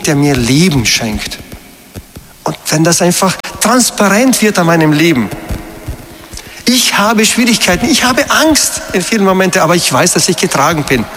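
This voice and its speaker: A man's voice: high voice, fairly bright tone, in a large hall. A man giving a sermon as a priest, emphatic and asking his listeners questions. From Meran, South Tyrol.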